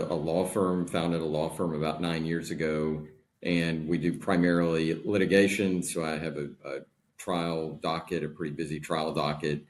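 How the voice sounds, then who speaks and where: This is a man in his forties being interviewed as a guest. His voice sits very low and deep. He speaks in a measured, deliberate way, like someone in a relaxed conversation. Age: 40s. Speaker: podcast guest. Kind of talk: casual interview talk.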